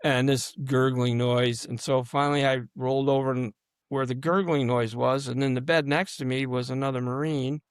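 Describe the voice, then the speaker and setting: A man in his seventies, a guest in an interview, recounting personal stories in a halting way that sinks to a near-murmur at grim moments. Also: medium pitch, fairly even intonation, clean tone, no echo, clean studio sound. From United States. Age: 70s. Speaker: guest, combat veteran.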